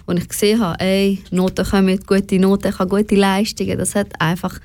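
A young adult woman, Swiss-born with Afghan family roots, reflects candidly in a personal interview, her Swiss German accent dotted with English words. She has a mid-range voice with little pitch movement, a darkish tone and a slightly fast pace, and there's no echo.

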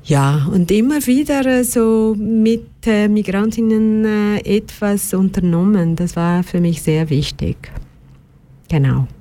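Slow, hesitant Brazilian-accented woman. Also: mid-range voice, dark tone. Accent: Brazilian Portuguese. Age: middle-aged. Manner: hesitant, many pauses and fillers. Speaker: psychologist and victim support counselor. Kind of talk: radio talk show guest.

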